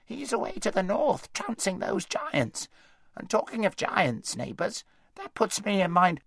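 A thick, wheezy male hedgehog in a storybook, chatty and unhurried, with a folksy drawl, as a male narrator puts him on. His voice sits far above the reader's own and the delivery wanders over a wide melodic range. The recording is close and dry. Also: sits high, wildly swooping pitch, vocal fry, a bit bright, dry recording, voice pushed up, exaggerated voice. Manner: drawling, homely country speech. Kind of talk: audiobook character voice.

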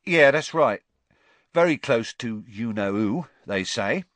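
A man voicing an excitable, gossipy young bus conductor, chatty and dramatic, in a storybook reading. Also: mid-range voice, slow pace, no room sound. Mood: excited, dramatic. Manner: chatty, slangy, dramatic, seeking agreement.

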